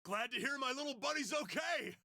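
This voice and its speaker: A man voicing a boisterous, proud young brawler in a video game, reading the lines loudly with shouting bursts. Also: very high-pitched, lively intonation, fairly quick, dry recording, studio quality, pitched above the performer's own voice, full character voice. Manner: loud, boastful, shouting bursts. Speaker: streamer voicing a game character. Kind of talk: dramatic reading of game dialogue.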